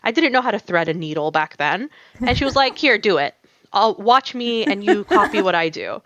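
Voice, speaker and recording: In a casual podcast interview, a young adult tatreez artist from the US whose mother tongue is Arabic shares stories, stumbling through fillers and restarts and laughing often. She speaks at a normal speed in an animated, mid-range, fairly bright voice, and the dry recording is rough.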